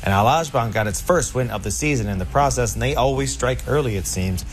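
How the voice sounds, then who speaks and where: Over a music bed, a man narrates a scripted show recapping horse racing results. His voice sits at medium pitch and moves fairly quickly.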